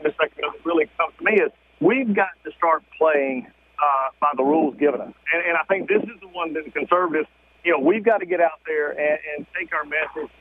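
Male radio caller, rapid and emphatic, somewhat high voice, heard over a dull tunnel-like phone line from a parked car. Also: husky. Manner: fast, emphatic, frequent restarts. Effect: muffled phone line that sounds like he is in a tunnel. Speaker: radio show guest calling in. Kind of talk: political radio call-in. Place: car stopped at the roadside.

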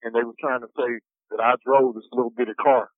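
A man calling collect from a prison payphone, talking in a meandering, soft-spoken way that trails off. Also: mid-range voice, little pitch movement, fast talker, no echo. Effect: heard over a prison payphone line. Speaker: incarcerated caller on a collect call. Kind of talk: casual phone conversation. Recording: tinny dry phone line.

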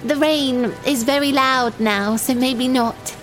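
A lonely, childlike young runaway confides in the listener in an audio drama monologue. The voice is fairly high, naive and wistful, with simple, halting phrases. Music plays clearly behind it. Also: female voice, fairly even intonation. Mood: hopeful, wistful.

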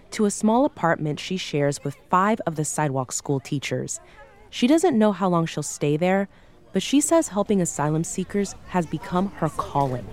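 A woman co-hosting a podcast, reading scripted narration in an expressive way. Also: on the low side. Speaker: podcast co-host.

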